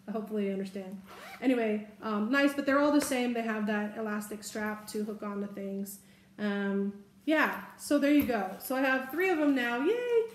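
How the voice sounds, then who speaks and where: A woman's voice: on the high side, moderate pace. A woman in her forties chatting casually and a bit rambling as she shows off her shopping haul to a camera at a table. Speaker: haul vlogger. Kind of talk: casual product haul chat. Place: room indoors, seated at a table. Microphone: camera in front at table distance. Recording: echoey room.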